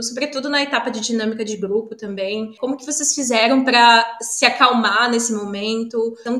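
A woman's voice: fairly high pitch, fairly bright tone. A woman hosting an interview, asking guiding questions in a friendly way. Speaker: interview host. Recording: echoey room.

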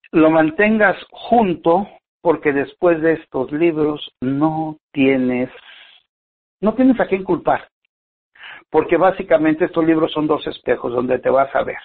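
A man giving an earnest motivational radio talk, repeating phrases and speaking straight to the listener. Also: fairly high pitch. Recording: tinny phone-line radio broadcast.

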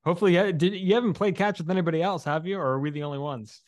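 A man co-hosting a podcast, asking rambling, halting questions with a joking edge. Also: high-pitched, no echo, clean studio sound. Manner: hesitant, restarts questions, jokey. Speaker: podcast co-host. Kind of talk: casual interview chat.

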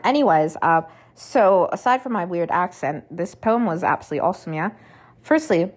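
Female podcast host, lowish voice, rambling casual delivery full of fillers. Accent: unplanned put-on accent when reading poetry. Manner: rambling, many fillers like "you know". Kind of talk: casual poetry reading and discussion.

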